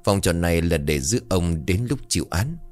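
A man's voice: sits low, animated, normal speed, a little mellow, soft background music. A man voicing a stern old woman ritual master. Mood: commanding. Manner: commanding, chanting incantations.

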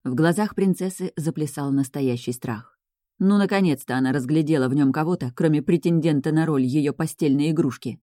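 A woman reading a novel aloud in an even, steady narration. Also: sits low, a little fast, no room sound, studio quality. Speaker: audiobook narrator. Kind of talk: scripted narration.

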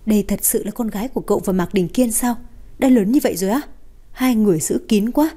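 A woman reading the part of a brash, curious young woman who chats freely and bristles quickly. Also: mid-range voice, dark tone, natural voice. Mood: chatty.

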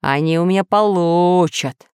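A woman's voice: on the low side, darkish tone, clean tone, no room sound, clean studio sound, lightly acted. A woman doing a pompous villainous scientist. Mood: boastful. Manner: pompous and threatening, measured. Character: boastful villainous male dinosaur master, mad scientist. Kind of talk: storybook narration.

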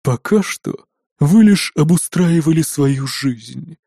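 A man voicing a cold, weary male official who speaks slowly and flatly. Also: a little high, creaky, breathy edge, no echo, clean studio sound, exaggerated voice. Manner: cold, slow, tired.

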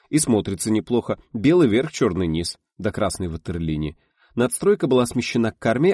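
A man's voice: lowish voice, a little mellow, dry recording, clean studio sound. A man narrating an audiobook, reading expressively and voicing the characters.

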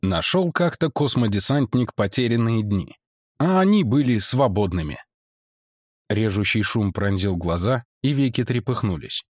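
Expressive male audiobook narrator. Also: lowish voice, normal speed, dry recording, studio quality. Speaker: audiobook reader. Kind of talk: reading fan fiction aloud.

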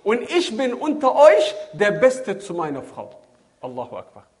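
A man preaches to a seated audience in a hall, his voice high for a man and swooping through a wide, lively range. He jumps from loud, emphatic exclamations down to low, murmured asides. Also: moderate pace. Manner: animated, swings from loud exclamations to low murmured Arabic phrases. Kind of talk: sermon.

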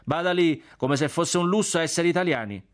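A male reader voicing a sharp-tongued young woman who taunts and mocks. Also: fairly high pitch, brisk, voice pushed up, natural voice. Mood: mocking. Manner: mocking, taunting. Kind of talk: audiobook character voice.

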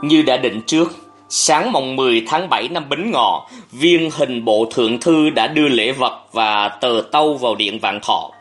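Even, measured audiobook narrator. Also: medium pitch, soft background music. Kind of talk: scripted novel narration.

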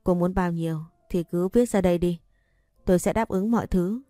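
Storybook figure: a harsh mother-in-law, low and dry-voiced, done by a woman narrator. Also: normal speed, dark tone, no echo, soft background music, lightly acted. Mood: pleading. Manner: harsh, scolding, demanding. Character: stern scornful older mother-in-law.

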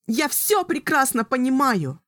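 Shrieking young sorceress. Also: female voice, very animated, unhurried, a bit bright, no room sound, studio quality, full character voice. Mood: hysterical rage. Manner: shrill, screaming accusations. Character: young girl sorceress, grief-stricken and furious. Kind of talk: audiobook character voice.

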